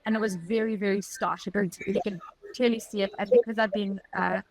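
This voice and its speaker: A woman from South Africa with a South African accent, a podcast guest telling a personal story in an earnest, reflective way with short halting phrases. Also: medium pitch, steady tone, low-quality recording.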